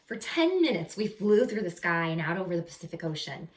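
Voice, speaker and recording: Animated woman reading aloud in an echoey room. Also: fairly low pitch, fairly quick. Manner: animated, acts out characters, stretches key words. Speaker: second-grade teacher reading aloud. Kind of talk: expressive picture-book read-aloud with asides to children. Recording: roomy echo, some distance from mic.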